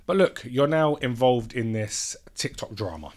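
A man's voice: medium pitch, expressive, measured pace, a little mellow. A British man in his twenties hosting a casual podcast interview in blunt, slangy speech, close on a desk mic. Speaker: podcast host. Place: small podcast studio. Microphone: close desk microphone.

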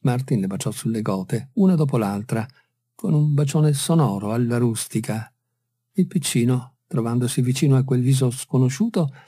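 A man reads a classic short story aloud, calm and unhurried. His voice is very dark and husky, at a middle pitch. The sound is dry and close to the mic. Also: no echo. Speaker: audiobook reader. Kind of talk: literary narration.

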